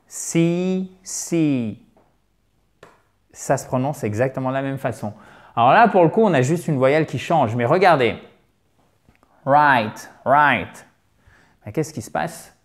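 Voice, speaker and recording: A man teaching English pronunciation in a video lesson, lively and repeating words to drill them. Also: on the high side.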